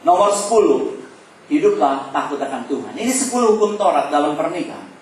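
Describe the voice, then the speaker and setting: A man giving a humorous family sermon with lively, playful asides. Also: a little high, fairly quick. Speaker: speaker at church family service. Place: church hall. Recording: echoey hall from far off with faint noise.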